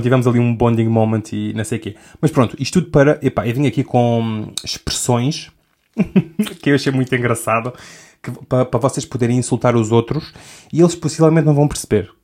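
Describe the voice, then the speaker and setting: A man's voice: mid-range voice, expressive, a little fast, darkish tone. A young man with a European Portuguese accent, hosting a podcast in a rambling, self-interrupting comic monologue and laughing often. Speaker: podcast host. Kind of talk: casual comedic monologue.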